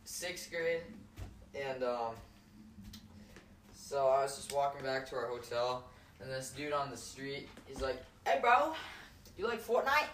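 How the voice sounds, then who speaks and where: A young man co-hosting a casual chat with friends, telling rambling stories and slipping into loud put-on voices. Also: medium pitch, fairly even intonation, a little slow, long pauses, echoey room, recorded from a distance, a little hiss or hum. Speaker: podcast co-host.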